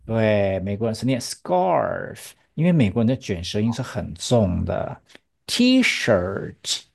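A woman's voice: extremely low pitch, a little fast, gravelly, mellow, husky. A woman teaching English pronunciation, explaining patiently in Chinese and drilling each word with a student. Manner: patient, drills words, asks rhetorical checks. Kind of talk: bilingual English pronunciation lesson.

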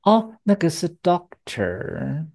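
A woman's voice: on the low side, big pitch swings, slow, dark tone. A woman teaching English pronunciation, explaining patiently in Chinese and drilling each word with a student. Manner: patient, drills words, asks rhetorical checks. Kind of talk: bilingual English pronunciation lesson.

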